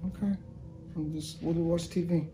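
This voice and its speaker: A man's voice: on the high side, steady tone, moderate pace, noisy background, natural voice. A man in his thirties playing a casual, colloquial young father in an amateur family fantasy skit. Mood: uneasy. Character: young dad humoring then panicking over his daughter.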